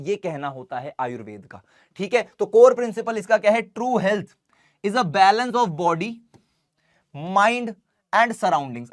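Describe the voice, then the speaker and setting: A young man teaching an online science class, chatty and informal with his students, reading English lines slowly and deliberately. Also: sits high. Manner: chatty, addresses students as bhai and beta.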